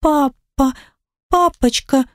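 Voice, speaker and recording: A woman's voice: high-pitched, takes it slowly, dry recording, studio quality, voice pushed up. A woman reading an audiobook, voicing a small girl who pleads in a trembling, tearful voice. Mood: pleading.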